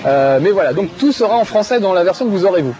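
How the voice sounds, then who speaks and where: This TV game show host talks fast in a high-pitched, mellow voice with lively intonation. He laughs often and fills his eager chatter with fillers as he plays, and the dull broadcast sound carries faint music.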